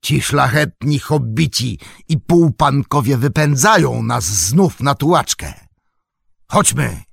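A scornful old wizard, fallen but still proud, as a male audiobook reader puts him on, drawls his threats with slow, deliberate spite. The gravelly voice is pitched higher than the reader's own and swings widely. The dry, close sound keeps every sneer near. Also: lively intonation, no room sound, exaggerated voice. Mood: furious. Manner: sneering, slow and menacing, rising to shouts. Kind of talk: audiobook reading.

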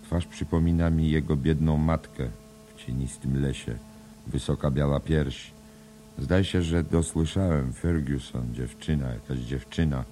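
A man voicing a kindly middle-aged man looking after a drunk friend, gentle and murmuring to himself. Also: a bass voice, unhurried, a little hiss or hum. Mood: concerned.

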